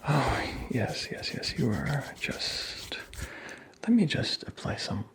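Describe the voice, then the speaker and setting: Casting: man as playful, self-satisfied Santa for ASMR roleplay; slow hushed whisper with gravelly fry. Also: mid-range voice, lively intonation. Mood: soothing, chatty. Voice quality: breathy whisper, creaky. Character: teasing, vain, playful Santa Claus, old man.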